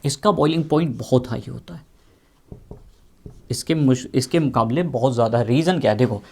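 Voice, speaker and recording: Mellow-voiced male chemistry teacher. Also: medium pitch, normal speed. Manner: repeats key questions, drawls out terms while writing. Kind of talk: explaining chemistry at a whiteboard.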